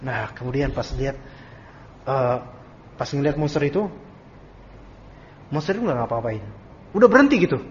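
A male religious teacher giving a Quran commentary lesson, reading Arabic text and retelling it as an animated, casual story. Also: mid-range voice, moderate pace, pauses often, a little hiss or hum. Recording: dull lo-fi audio recording.

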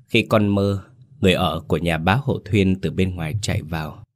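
Deep-voiced male ghost story narrator. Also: dry recording, studio quality. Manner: steady, measured storytelling with a polite host's greeting.

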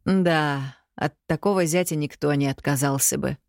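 A domineering, harsh middle-aged father , as a woman reads him in an audiobook. He lays down orders slowly and firmly in a low voice. The sound is close and dry. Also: vocal fry, darkish tone, dry recording. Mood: commanding. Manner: slow commanding pronouncements.

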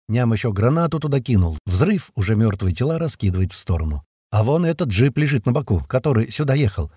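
A man's voice: medium pitch, slightly rough, dry recording, studio quality. A man reading a first-person action audiobook in a vivid, tense storytelling manner. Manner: vivid, tense storytelling that voices the soldiers' shouts. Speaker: audiobook narrator.

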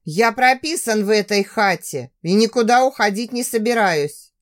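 A woman's voice: medium pitch, animated, moderate pace, lightly acted. A woman voicing a cruel, abusive young husband who sneers and growls threats in a storybook reading. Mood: threatening.

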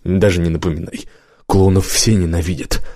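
A man doing a quiet, cold squad leader. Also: deep voice, moderate pace. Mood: dry, quiet. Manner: quiet, flat, dry sarcasm. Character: cold, weary male squad leader, misanthropic. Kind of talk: audiobook character voice.

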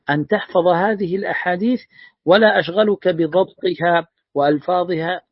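A man's voice: a little high, no echo. A man teaching a religious lesson, reading a classical text aloud and explaining it with short asides. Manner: reads a classical text aloud, then adds brief plain remarks. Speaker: sheikh teaching hadith. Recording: dull lo-fi dry recording.

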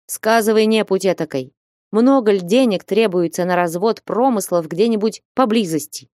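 A woman voicing a blustering, hot-tempered old male merchant in an audiobook, scolding and shouting. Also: medium pitch, moderate pace, dry recording, clean studio sound, natural voice. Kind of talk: audiobook reading.

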